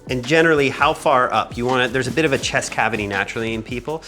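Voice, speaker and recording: A man from Canada hosts a filmmaking tutorial in an upbeat, joking manner, asking questions as he goes. His voice is bright and forceful, and he sits at a middle pitch for a man. It is caught on a lavalier mic hidden in his shirt, with faint music underneath. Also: fast. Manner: upbeat, jokey, asks questions. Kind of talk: casual instructional chat. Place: outdoors in cold wind, then indoors.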